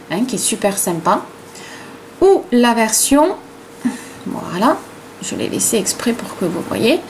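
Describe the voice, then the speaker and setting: A woman's voice: fairly high pitch, a little mellow, a little hiss or hum. A middle-aged woman with a regional French accent, hosting a casual crochet tutorial and talking in a chatty way, full of fillers like "hein" and "voilà".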